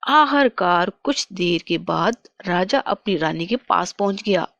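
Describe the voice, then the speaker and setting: A woman narrating a bedtime cartoon story in a slow, deliberate way. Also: fairly low pitch, lively intonation, vocal fry, fairly bright tone, dry recording, dull audio.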